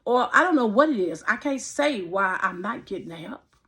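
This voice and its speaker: Woman in her 50s, raspy and gravelly, preachy faith testimony, keeps repeating herself. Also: mid-range voice, animated, normal speed, a bit bright. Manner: impassioned, repeats phrases, preacherly. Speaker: vlogger.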